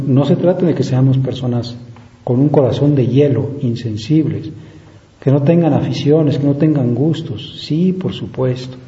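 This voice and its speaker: A man preaching a sermon in an earnest, halting way, repeating words and turning to prayer. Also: medium pitch, dark tone. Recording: dull echoey room recording.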